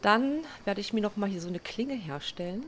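A woman with a medium-pitched voice, lively intonation and normal speed chats to herself while playing and crafting in a survival game. As a gaming video host doing casual let's play commentary, she often pokes fun at herself; slight background noise is present.

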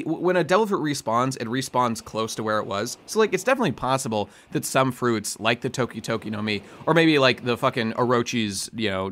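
A man's voice: mid-range voice, a bit bright. A man co-hosting a podcast, talking in a loose, rambling casual chat with frequent laughs and casual swearing. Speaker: podcast co-host.

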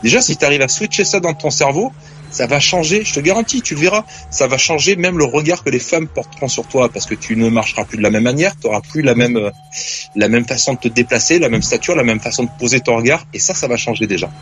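A man's voice: mid-range voice, animated, fast talker, fairly bright tone. A man calling in to a radio show, giving earnest, insistent advice with hesitant restarts. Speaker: caller. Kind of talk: phone-in advice.

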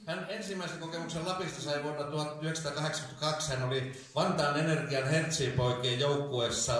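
A man telling a comic story on stage between songs, animated and laughing as he goes, heard from a distant mic in a concert hall. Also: a little high, a little hiss or hum. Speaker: concert host and bandleader. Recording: echoey hall from far off.

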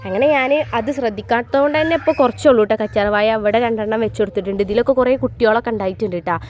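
A family vlogger chats casually with her viewers, her fairly high voice racing along over slight background noise. She tends to close her remarks with soft tags.

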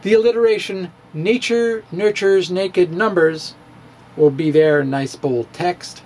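A middle-aged physics blogger reads his own blog aloud in a playful, theatrical way, full of chuckles and asides. His voice is high, unhurried and a little mellow. He records indoors in a home study lined with bookshelves, close to a studio microphone on a stand, though the recording sounds rough.

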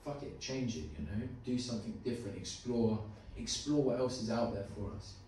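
Speaking a little fast in a mid-range, darkish voice, a jittery young man delivers a live spoken piece at a small indoor open mic. He rambles informally and earnestly, with some swearing. A phone in the audience films him on a handheld mic, picking up an echoey, distant room and faint noise.

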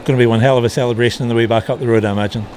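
Guy doing post-game interview questions, talks quick, bit of noise behind. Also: mid-range voice, steady tone, a little mellow. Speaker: sports interviewer.

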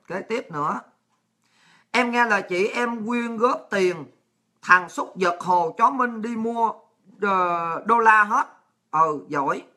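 A woman's voice: medium pitch, sharp tone. A woman with a Southern Vietnamese accent hosting a livestream, ranting crudely and abrasively while reading out viewer messages. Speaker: livestream host.

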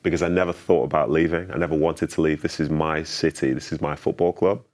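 A man's voice: extremely low pitch, steady tone, quick pace, a little mellow. A man, conducting a conversational sit-down interview. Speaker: interviewer and former player. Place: indoor studio on a sofa.

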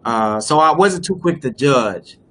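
A man's voice: mid-range voice, animated, unhurried, sharp tone, slight background noise. A young man hosting a casual discussion on a live video call, explaining at length with many fillers and restarts. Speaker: host. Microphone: webcam on a video call.

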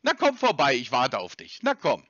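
A man's voice: medium pitch, huge pitch swings, moderate pace, pushed and bright, breathy edge, dry recording. A man on a prank phone call, taunting and insulting a scam caller with repeated jibes, laughing at him.

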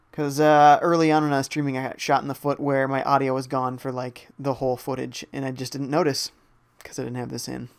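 A man's voice: mid-range voice, clear, resonant tone. A young man casually commentating a live game stream, reading viewer chat aloud and reacting to the gameplay. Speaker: gaming streamer.

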